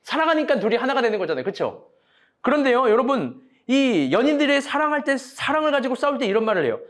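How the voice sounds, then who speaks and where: High-voiced, lively young male preacher. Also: quick pace. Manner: casual, joking, acts out quoted arguments, direct questions to congregation. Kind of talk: sermon.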